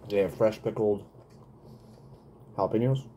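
A man's voice: lowish voice, measured pace, mellow, slight background noise. A man in his thirties reviewing food in a casual vlog, talking between bites and humming as he tastes, recorded on a webcam in a small room. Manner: chatty, eating while talking, smacking and humming. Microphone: webcam at desk.

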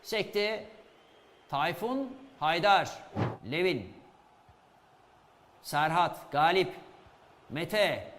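A man giving excitable live play-by-play commentary on a football match. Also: on the high side, drawn-out words, long pauses. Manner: excitable, shouts at goals and chances. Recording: reverberant hall sound.

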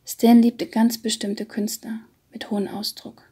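A woman reads a literary audiobook in a hushed, half-whispered way, her voice soft, mellow and very breathy. She keeps her pitch fairly even and takes her time.

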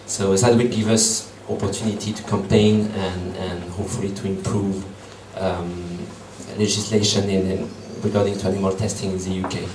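Speaking to a meeting-room audience, this Frenchman in his thirties (native French and Portuguese) has a deep, level voice at a moderate pace with few pauses. He still hesitates, with plenty of ums and false starts. The far-off room camera picks up echo and a noisy background.

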